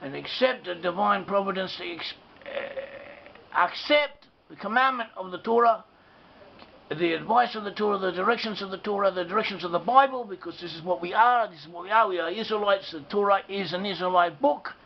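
A man giving an unscripted religious lesson, halting and repeating himself, slowly spelling out letters. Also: sits high, creaky. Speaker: religious teacher. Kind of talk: unscripted explanatory lecture. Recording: dull lo-fi recording with faint hiss.

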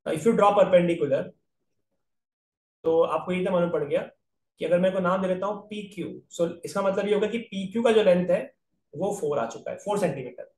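A man's voice: high-pitched, moderate pace, a little mellow, reverberant, far from the mic, a little hiss or hum. A man with an Indian accent teaching a geometry lesson online, working through each step and checking in with his students. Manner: explains step by step, checks in with "right?". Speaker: aptitude exam math teacher. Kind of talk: online math lecture.

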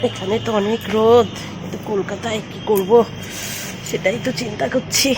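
With a medium-pitched, steady voice at a moderate pace, a middle-aged woman chats her way through her family vlog, wandering off and restarting with fillers. The recording was made at home and is noisy, with vehicles audible.

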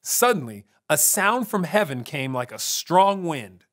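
A man hosting a children's church program, telling a Bible story in an upbeat, animated way. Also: a little high, a little slow. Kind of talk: storytelling for kids.

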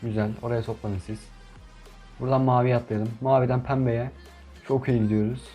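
A young man commenting on his gameplay in a casual, chatty way, who gets frustrated and shouts at opponents. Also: medium pitch, little pitch movement, normal speed, breathy edge, soft background music. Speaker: gaming YouTuber.

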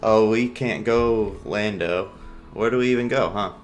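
A man with a fairly low voice commentates a video game battle casually, with music playing behind him. His swollen lip makes his speech slightly off, and he talks in a halting, low-key ramble. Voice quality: slightly impeded speech from swollen lips and mouth sores. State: sore, swollen mouth. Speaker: gamer commentating an online battle.

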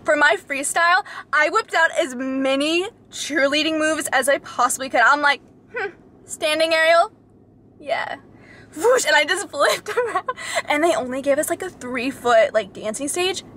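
A young woman reacting to a talent show from inside a parked car, chatting casually in a bubbly, excitable way. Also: high-pitched, moderate pace. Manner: bubbly, excitable, with sudden squeals and laughs. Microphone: camera mounted facing her.

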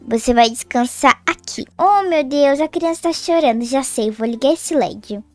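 Casting note: girl as a high-voiced, cooing schoolgirl who is eager and chatty in a game story. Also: normal speed, faint music behind. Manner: cooing, excitable, talks to herself. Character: sweet, scheming schoolgirl who loves babies. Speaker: channel host and role-play player. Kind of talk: acted game role-play.

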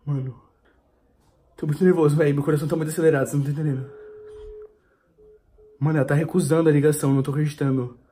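A man's voice: fairly high pitch, flat delivery, rapid-fire, pauses often, warm tone, a little hiss or hum. A young man pleading on a prank phone call, anxious and slangy. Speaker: vlogger pranking his girlfriend.

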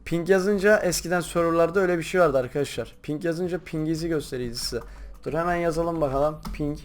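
A young man chatting casually while playing a game, rambling to his viewers and breaking into loud excited shouts. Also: fairly high pitch, quick pace. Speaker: gaming YouTuber. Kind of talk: casual gameplay commentary.

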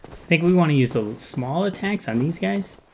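A man's voice: a little high, animated, normal speed, creaky, a little mellow, a little hiss or hum. A man giving casual gameplay commentary, muttering short remarks to himself as he plays. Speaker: gamer recording a playthrough.

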